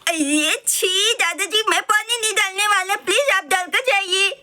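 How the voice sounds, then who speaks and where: A woman doing a high, whiny little boy. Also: unhurried, bright, forceful tone, full character voice. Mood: disgusted. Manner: whiny, pleading, urgent. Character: young boy, impatient and desperate.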